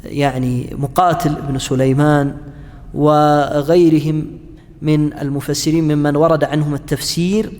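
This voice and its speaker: A man's voice: a little high, level tone, darkish tone. Hesitant male lecturer in a reverberant hall. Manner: halting, frequent fillers and restarts, chats with students. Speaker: Islamic studies lecturer. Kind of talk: classroom lecture with students.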